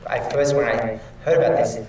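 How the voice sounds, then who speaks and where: A man from Australia answering a question at a live panel, relaxed storytelling with restarts. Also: mid-range voice, a little fast, slight background noise. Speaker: film director on panel. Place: large cinema auditorium. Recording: very echoey theater heard from far off.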